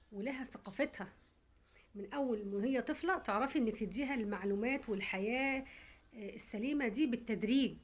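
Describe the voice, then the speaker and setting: A woman with an Egyptian accent gives fast, emphatic advice straight to her viewers. Her voice sits a little high, and she lectures in a direct, insistent way. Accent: Egyptian Arabic. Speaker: content creator.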